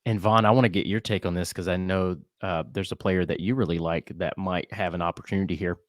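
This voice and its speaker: A man's voice: sits low, steady tone, a little fast, no echo, clean studio sound. A man hosting a casual podcast chat, talking earnestly and conversationally. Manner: earnest and conversational, with fillers and restarts. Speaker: podcast host.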